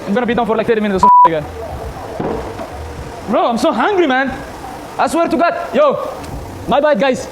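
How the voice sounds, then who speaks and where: A man with a high voice talks in a casual, slangy vlog style, as if to his buddies. He is recorded outdoors, with clear car and street noise behind him. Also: lively intonation, moderate pace, pauses often. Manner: slangy, addresses viewers and customers as bro and man. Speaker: car wash worker and vlogger.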